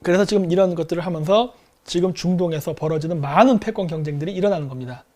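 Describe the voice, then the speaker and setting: Male commentator, high-pitched, animated casual talk on politics. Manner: animated, acts out countries as quarrelling people.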